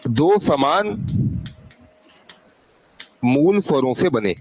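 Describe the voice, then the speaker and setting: A man with a high voice teaches a class at an unhurried pace. He keeps quizzing his students, asking each question twice and prompting them to answer out loud. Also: very animated, no room sound, poor audio. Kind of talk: classroom lesson.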